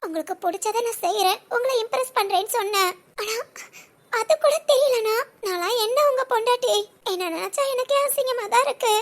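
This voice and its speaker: A woman's voice: animated, fairly quick, fairly bright tone. A woman voicing a young wife in a family audio drama, lamenting and self-pitying in a girlish voice. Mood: dejected. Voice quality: very high, girlish voice.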